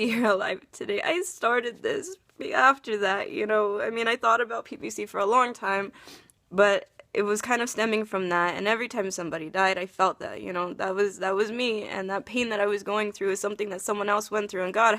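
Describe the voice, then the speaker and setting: Tearful woman with a gravelly voice. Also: on the low side, a bit bright, no echo. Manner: earnest, heartfelt, encouraging. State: tearful, crying. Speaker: vlogger. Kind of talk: confessional personal vlog.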